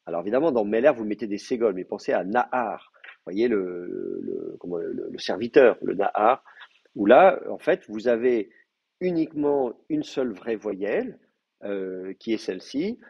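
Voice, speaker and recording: Husky low-voiced male teacher. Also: big pitch swings, normal speed. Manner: hesitant, thinking aloud with many fillers. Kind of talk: lecturing in a language class. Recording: muffled lo-fi class recording.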